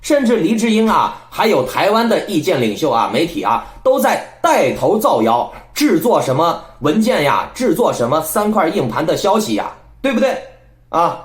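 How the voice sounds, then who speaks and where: A man delivering political commentary as the host of his own channel, speaking a little high and swinging his pitch up and down in a lively way. He lectures and scolds, keeps turning to his listeners to ask if they agree, and sounds like he is in an echoey room. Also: normal speed. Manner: rhetorical, keeps asking listeners "right?".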